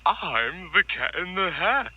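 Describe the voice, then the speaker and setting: A man's voice: high-pitched, sing-song, slow pace, breathy edge, highs cut off, full character voice. A man voicing a playful but menacing talking cat for an analog horror animation, coaxing in a singsong way. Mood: playful menace.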